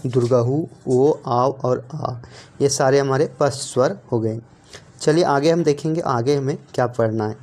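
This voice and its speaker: A man's voice: medium pitch, a little mellow. A man with a Jharkhand Hindi accent teaching an exam-prep grammar lesson, repeating points and asking and answering his own questions.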